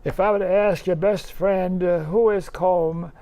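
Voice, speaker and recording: A man's voice: high-pitched, fairly even intonation, a little slow, dark tone, smooth. A man hosting an interview, asking questions in a friendly, encouraging way with short responses. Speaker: interview host. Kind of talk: casual interview.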